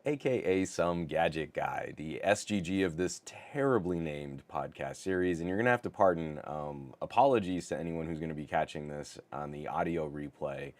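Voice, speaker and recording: A sick middle-aged man hosts a live tech podcast in a casual stream chat, his deep, low voice scratchy and rough. He is wildly over-the-top in his enthusiasm and stumbles into quick, stammered restarts, recorded close and dry with no room echo.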